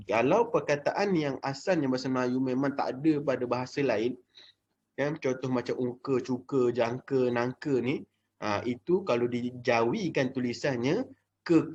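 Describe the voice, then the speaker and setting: A young man with a Malaysian Malay accent gives children a casual Jawi lesson, chatty and full of fillers, slowly sounding out syllables. His voice is mid-range, a little mellow, with a breathy edge, and the audio is dull.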